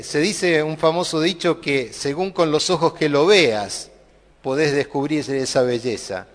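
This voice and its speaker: Male preacher, high voice, chatty sermon style, halting restarts. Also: fairly bright tone. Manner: conversational, many filler tags and restarts. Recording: long hall reverb.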